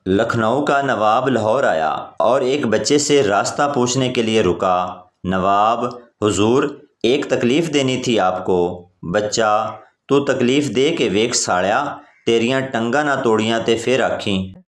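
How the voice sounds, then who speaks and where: A man tells one short joke after another in a mid-pitched voice. He moves at a slow, deliberate pace and speaks the dialogue in his own plain voice. The recording has a roomy echo. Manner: plain storytelling delivery, voicing each character in the same voice. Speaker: joke narrator. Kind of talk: reading jokes aloud.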